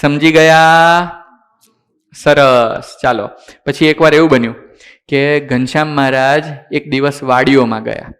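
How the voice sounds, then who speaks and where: A man with a fairly high voice tells a sacred story to children as a sermon. He speaks slowly and deliberately, asks questions and answers them himself. English words slip into his telling. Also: steady tone, a bit bright. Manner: slow, deliberate delivery.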